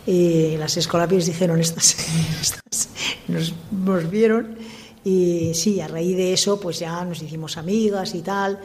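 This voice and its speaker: An older woman, a religious sister, talking as an interview guest and recounting her life in a lively way with voiced-out dialogue. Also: on the low side. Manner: lively, animated retelling of her own past with quoted dialogue. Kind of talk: storytelling in a radio interview.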